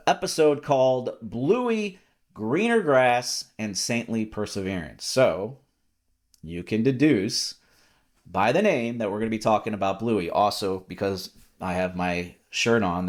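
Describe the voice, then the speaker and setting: A man with a fairly low voice hosts a podcast in a relaxed, talkative way. He rambles along in casual chat, stacking up fillers and repeating his words as he goes. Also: unhurried. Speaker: podcast host.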